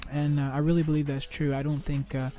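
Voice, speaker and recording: A young man hosting a podcast, talking through personal troubles in a halting monologue full of restarts, fillers and swearing. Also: fairly high pitch, little pitch movement, mellow, faint music behind. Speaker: podcast host.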